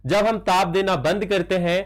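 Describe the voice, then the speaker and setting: Male chemistry teacher, Hindi accent, high voice, classroom lecture style that asks and answers its own questions. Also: fairly even intonation, normal speed. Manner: questions students, answers himself; calls listeners child.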